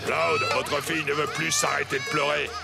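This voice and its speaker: A man's voice: a little high, flat delivery, moderate pace, gravelly. An actor voicing a grumpy, sarcastic old man neighbor in a cartoon dub. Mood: complaining. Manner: grumbling, sarcastic. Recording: music behind.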